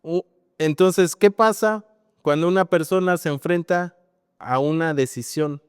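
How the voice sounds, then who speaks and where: A man's voice: fairly high pitch, measured pace, smooth, no room sound, clean studio sound, big-room sound. A man with a Mexican accent preaching a sermon as pastor, in a conversational style that keeps adding tag questions.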